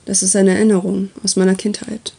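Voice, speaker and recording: A woman's voice: medium pitch, level tone, a little fast, vocal fry, mellow, breathy edge. A woman voicing a nervous, trapped young man who pleads and protests in a story reading. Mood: agitated.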